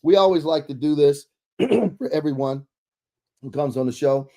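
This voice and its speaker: A man's voice: on the high side, moderate pace, warm tone. A man hosting a church talk show, introducing and interviewing a guest in a preacherly way, often saying amen.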